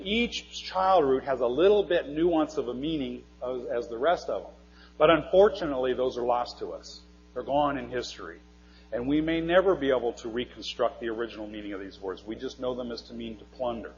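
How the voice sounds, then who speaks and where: A man giving a live classroom lecture, quizzing his audience in a friendly, teacherly way. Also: a little high. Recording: dull recording in a long-reverb hall.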